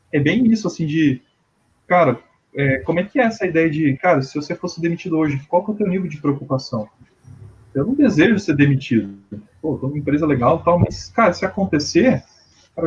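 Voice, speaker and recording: A Brazilian man with a Brazilian Portuguese accent talks in an easygoing, rambling way, his voice a little higher than most men's and slightly husky. The sound is muffled and lo-fi, as if coming over a video call. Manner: relaxed, filler-heavy, says "cara" often. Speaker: guest. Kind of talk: casual podcast chat.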